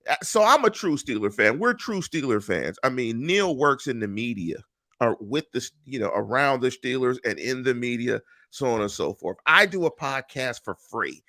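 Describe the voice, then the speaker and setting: Middle-aged guy hosting a sports pod, bright forceful voice, dry close mic. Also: mid-range voice, sing-song, moderate pace, no echo. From Pittsburgh. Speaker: podcast host. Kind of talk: casual sports podcast chat. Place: home room. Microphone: headset and studio mic on video call.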